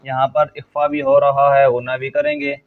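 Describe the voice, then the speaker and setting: A man teaching a Quran reading lesson, rattling off quick explanations and then spelling out letters and syllables slowly and loudly. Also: medium pitch, flat delivery. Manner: quick explanations between slow, loud, drawn-out spelling drills. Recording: dull lo-fi recording.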